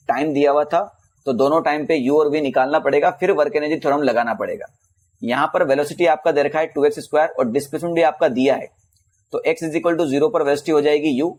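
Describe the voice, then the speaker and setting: Casual man teaching physics, slightly high. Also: a little mellow. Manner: casual, addresses students as bhaiya and beta; reads English questions slowly. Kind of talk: exam problem-solving lesson.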